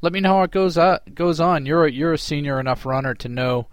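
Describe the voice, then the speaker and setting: A man's voice: on the high side, fast, dry recording, clean studio sound. A man hosting a podcast, chatting and giving advice to a listener in a joking way. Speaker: podcast host. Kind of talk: casual listener-mail chat.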